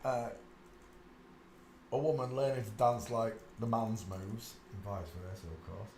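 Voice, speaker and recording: Steady and a little mellow, this man's fairly low voice moves a bit slowly over a slight hiss or hum. As channel host, he looks through pictures in a casual, rambling monologue, speaking insistently with plenty of asides and "uh"s. The space sounds echoey, with faint ambience.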